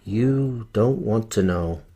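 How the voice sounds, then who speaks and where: A woman's voice: rumbling low, slow pace, dark tone, husky, full character voice. A woman voicing a frightened young man in a horror story, stammering and panicked. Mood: tense. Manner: stuttering, panicked. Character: frightened young man confronting his killer ex.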